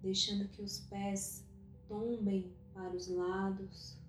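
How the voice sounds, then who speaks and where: A woman guiding a meditation, speaking softly and calmly with long pauses. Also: medium pitch. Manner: slow, soft and calm, with long pauses. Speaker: meditation guide. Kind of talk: guided meditation. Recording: roomy echo with faint music.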